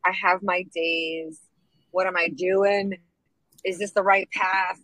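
A middle-aged woman comedian from New York, chatting in an interview, upbeat and lively, dropping Spanish phrases now and then. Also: fairly low pitch, slow, no room sound, rough recording. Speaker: guest, comedian and producer. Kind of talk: casual interview chat.

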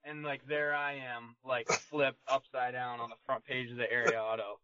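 A man's voice: medium pitch, flat delivery, normal speed, heavy background noise. A man, a race car driver guest, chatting casually on a podcast, rambling with lots of fillers and laughs. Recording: muffled lo-fi podcast audio.

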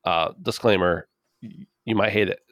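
A man's voice: deep voice, normal speed, a bit bright, no room sound, studio quality. A man hosting a casual comedy podcast, joking and self-deprecating. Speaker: podcast host.

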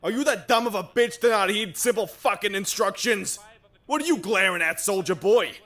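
An actor playing a crude, menacing mobster who mocks and threatens, in an audio drama. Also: male voice, high-pitched, animated, moderate pace, pushed and bright. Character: crude, menacing male mobster, a made man. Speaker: gangster.

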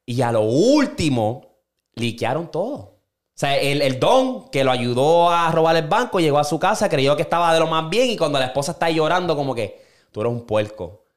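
Man, podcast co-host, slangy and animated storyteller with a fairly high voice that jumps for quotes. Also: moderate pace. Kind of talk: casual podcast chat.

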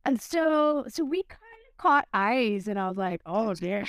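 A middle-aged woman co-hosting a podcast, telling her dating stories in an animated, casual way and laughing often. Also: sits high, a little slow, clear, resonant tone, no echo, studio quality. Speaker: podcast co-host.

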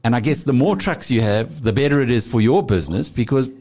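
A man's voice: medium pitch, animated, a little fast, a little mellow. A man hosting a business show, asking long conversational leading questions. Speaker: radio show host. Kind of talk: business interview.

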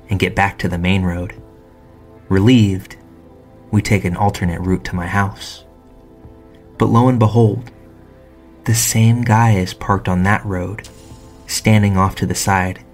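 A man reading first-person true stories aloud in calm, measured scripted narration. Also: sits low.

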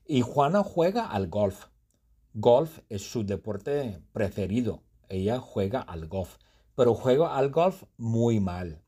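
Slow, playful male Spanish teacher. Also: on the low side, dark tone, slightly rough. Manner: slow, repetitive, playful storytelling with exaggerated exclamations. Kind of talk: comprehensible-input storytelling lesson.

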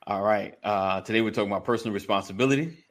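A man's voice: on the low side, rapid-fire. A man hosting a casual live show with the joking, informal patter of a morning radio DJ, chatting to his audience. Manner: jokey morning radio DJ patter, greeting listeners by name; informal, colloquial phrasing. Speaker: host of a live online men's community show.

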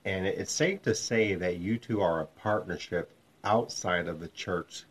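An American man in his fifties hosts a casual faith talk, posing long, rambling questions conversationally. His voice is deep and a little slow. The interview chat has a dull, lo-fi sound.

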